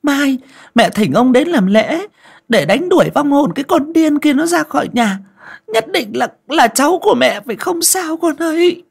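Brief: male narrator voicing a whiny old mother, pitched way up, husky and lively. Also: normal speed, full character voice. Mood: whining. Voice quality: high, wailing. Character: scheming elderly mother, shrill and whining.

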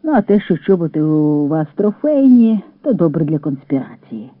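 A man's voice: on the high side, big pitch swings, moderate pace, no echo. A man reading good-humoured partisan commander. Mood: wry. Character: calm Ukrainian partisan scout commander man. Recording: tinny lo-fi radio recording.

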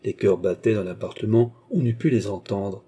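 Male audiobook narrator, dark husky timbre, measured dramatic delivery. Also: fairly low pitch. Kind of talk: scripted narration of a classic novel.

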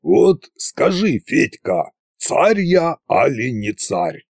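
A man voicing a gruff old male tsar, Koschei, who grumbles slowly in a low, gravelly voice. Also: very animated, dry recording, clean studio sound, exaggerated voice. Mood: grumbling. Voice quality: gravelly, slow.

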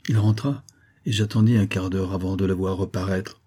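A man reading a nineteenth-century novel aloud as an audiobook narrator, with a measured storytelling delivery. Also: sits low, steady tone, mellow.

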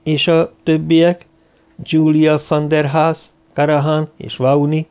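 A man voicing a calm, probing man in an audiobook, talking in a casual, even way. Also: on the high side, clean tone, voice pushed up, natural voice.

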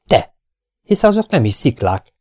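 A man voicing an excitable young male astronaut who exclaims in an audiobook. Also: deep voice. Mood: excited.

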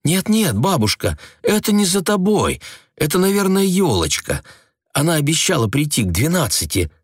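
A man voicing a gentle, meek young woman who pleads softly in a storybook reading. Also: medium pitch, big pitch swings, moderate pace, slightly rough, no room sound, clean studio sound, voice pushed up. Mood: pleading.

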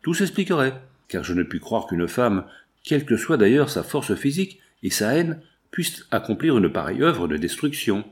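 A man's voice: mid-range voice, big pitch swings, normal speed, close to an everyday voice. A man voicing a distressed middle-aged woman who earnestly pleads her case to a magistrate in an audiobook.

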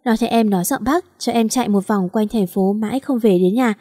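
A woman voicing an impulsive, chatty young woman who talks in an emotional, rapid, complaining way. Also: fairly high pitch, warm tone, dry recording, studio quality, natural voice.

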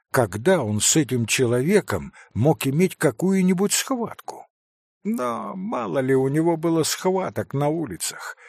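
Man reading an audiobook, slow and expressive, pretty high voice. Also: vocal fry, breathy edge, dry recording, studio quality. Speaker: audiobook narrator. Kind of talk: scripted narration.

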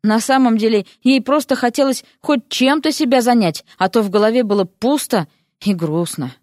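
A woman narrating a story in an expressive reading. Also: on the high side, normal speed, dry recording, clean studio sound. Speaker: audiobook narrator.

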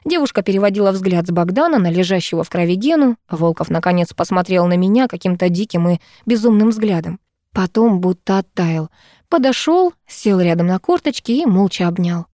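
A woman narrating a first-person novel aloud on a close mic, in a steady, absorbed storytelling manner. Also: fairly low pitch, fairly quick, no echo. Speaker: audiobook narrator.

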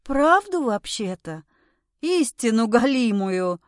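A woman voicing a weary, cool-headed woman of forty-two who speaks calmly and coldly. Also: fairly high pitch, takes it slowly, no echo, studio quality. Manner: calm, weary, cold.

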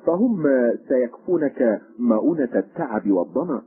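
A man's voice: medium pitch, big pitch swings, normal speed, slightly rough, pitched above the performer's own voice. A man voicing a sly, jovial male stranger with a raised, emphatic delivery, with a tinny phone-like sound.

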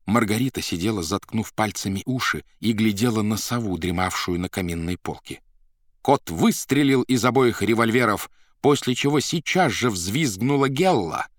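A man reading an audiobook as narrator, with an expressive delivery. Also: medium pitch, normal speed, no echo, studio quality. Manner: expressive, voices every character. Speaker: audiobook reader. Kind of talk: scripted narration.

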